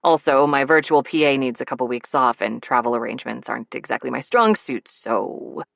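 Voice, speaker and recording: Playful, persuasive grown man with a low, dry delivery and a wheedling streak, read by a woman narrator. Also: lively intonation, creaky, fairly bright tone, no room sound, full character voice. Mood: eager. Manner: wheedling, good-humored, rushed when nervous. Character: charming playful adult man, teasing and persuasive.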